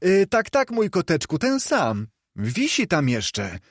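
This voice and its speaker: A man's voice: sits high, huge pitch swings, takes it slowly, husky, no room sound, studio quality, pitched above the performer's own voice, exaggerated voice. A man voicing a small, surprised, cheeky street boy in an audiobook.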